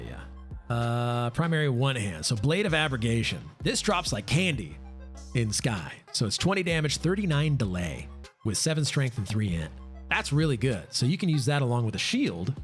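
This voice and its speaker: A man streaming live gameplay, chatting casually, thinking aloud and answering chat with lots of fillers. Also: medium pitch. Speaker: game streamer.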